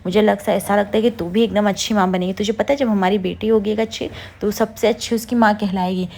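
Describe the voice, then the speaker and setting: A woman retelling a serial who voices a cheeky, suspicious young man who teases and mocks, talking fast. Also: mid-range voice, fairly even intonation, a little mellow, lightly acted. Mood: brash. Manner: teasing, blunt, mocking.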